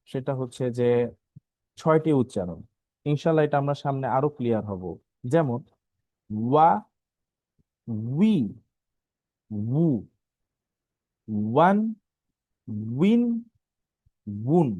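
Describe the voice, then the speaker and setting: A man teaching an online Quran recitation lesson, patiently repeating each letter sound slowly and pausing often with filler sounds. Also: medium pitch, warm tone, no room sound, muffled recording. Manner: halting, with many filler sounds.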